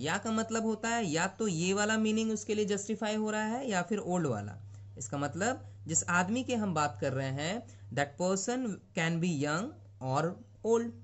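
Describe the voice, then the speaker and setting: A male teacher giving a grammar lesson to young students, reading each English example sentence slowly and then explaining it in Hindi. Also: high voice. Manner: frequent check-ins to the class.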